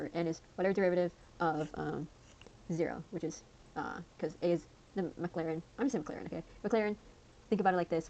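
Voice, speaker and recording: A woman's voice: fairly low pitch, darkish tone, dull audio, a little hiss or hum. A young woman casually explaining a math lesson, rambling with lots of fillers and slang. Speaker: student tutor.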